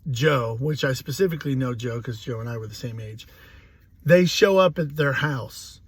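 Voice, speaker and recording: A man's voice: mid-range voice, husky. A man in his forties telling a rambling, profane, self-mocking personal story in a casual way. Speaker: host.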